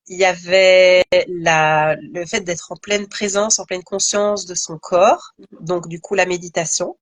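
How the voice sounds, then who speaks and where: A woman's voice: lowish voice, steady tone, unhurried, dry recording. A woman, a guest yoga teacher, talking casually and thoughtfully in a live conversation, with many fillers and restarts.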